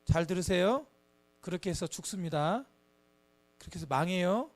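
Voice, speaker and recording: Animated high-voiced man teaching children. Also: moderate pace. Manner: animated, acts out children's taunts; asks the children frequent questions. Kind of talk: Bible lesson for children. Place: church.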